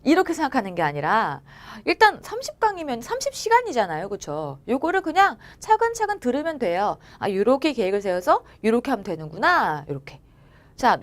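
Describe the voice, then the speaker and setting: Lively, coaxing woman lecturing exam students. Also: high voice. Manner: coaxing, often asks "알겠죠?" and acts out students' and teachers' lines. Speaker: academy teacher.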